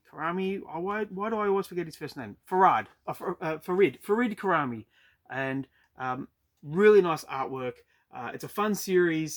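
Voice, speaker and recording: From a storage unit, an Australian comic book collector vlogger casually talks about his weekly comic purchases, hesitating often with plenty of ums and uhs. His voice is fairly high and a bit bright.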